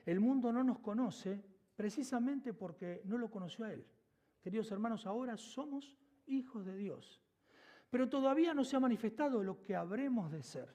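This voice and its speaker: Impassioned Argentine pastor, high voice. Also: male voice, animated, moderate pace. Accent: Argentine Spanish. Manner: impassioned, swinging between emphatic and hushed. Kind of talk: sermon. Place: church sanctuary.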